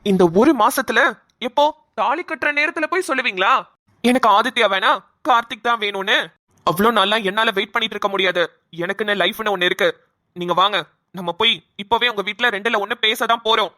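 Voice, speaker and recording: Woman doing a bossy young doctor guy in a cartoon, bright voice, dry close sound. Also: a little high, no room sound. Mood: exasperated. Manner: pushy, demanding, rapid questioning. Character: young man, insistent doctor pressing for marriage. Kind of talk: cartoon voice acting.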